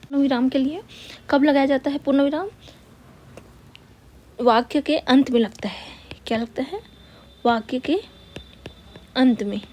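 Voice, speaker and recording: In this grammar lesson, a woman with a high, mellow voice repeats key words patiently and asks rhetorical questions. She writes as she dictates, slowly and word by word, with slight background noise in the recording.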